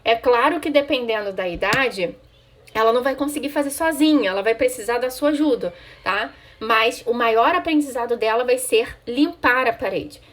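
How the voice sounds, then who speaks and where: A woman's voice: fairly high pitch, normal speed, fairly bright tone. A woman, a child psychologist giving parents conversational advice and often checking in with "tá?". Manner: conversational, frequent "tá?" check-ins; answers viewer questions directly.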